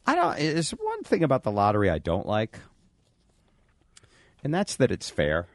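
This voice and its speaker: A man's voice: medium pitch, wildly swooping pitch, moderate pace, no room sound, clean studio sound. A man hosting a radio show, talking and reading to listeners. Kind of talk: radio talk and live-read ads.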